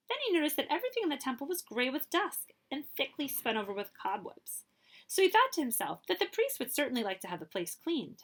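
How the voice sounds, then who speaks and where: Reading a children's story aloud like a librarian, a woman with a fairly high voice builds suspense expressively, sinking into a hush and drawing out the key phrases.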